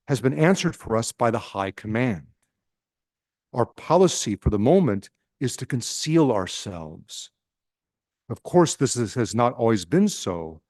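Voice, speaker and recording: A man's voice: mid-range voice, a little mellow, no room sound, clean studio sound. A man with a Nebraskan accent reading aloud as a scheming senior male demon advising an apprentice, in his own plain voice.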